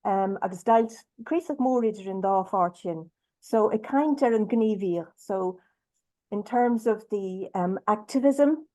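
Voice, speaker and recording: Irish woman, webinar guest, warm low-toned voice, halting delivery, drifts between two languages. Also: poor audio. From Ireland. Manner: hesitant, many ums and restarts, switches between Irish and English. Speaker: webinar speaker. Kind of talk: bilingual webinar talk.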